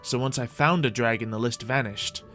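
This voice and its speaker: A man with a medium-pitched, fairly bright voice speaks at a moderate pace over faint music. He's hosting a livestreamed game roleplay, rambling whimsically in character and chatting theatrically with his viewers.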